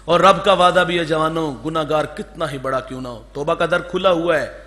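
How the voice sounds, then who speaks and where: A man preaching an Urdu sermon, moving between loud fervor and hushed storytelling. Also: on the high side. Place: mosque gathering, over a sound system.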